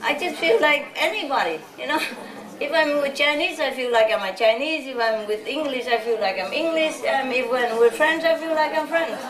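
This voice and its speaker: A woman from Vietnam with a high voice gives an informal spiritual talk, chatting and telling stories with frequent "you know?" asides. She is heard from a distance in a large, reverberant hall. An audience murmurs around her. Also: normal speed, crowd noise. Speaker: spiritual teacher.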